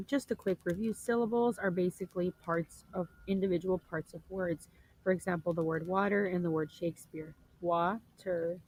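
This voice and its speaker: A young woman talks through a class presentation in a fairly low voice. She explains patiently, circles back to rephrase her points, and clears her throat every so often. A faint hiss sits under the recording. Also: a little mellow, low-quality recording. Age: young adult. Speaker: student presenter.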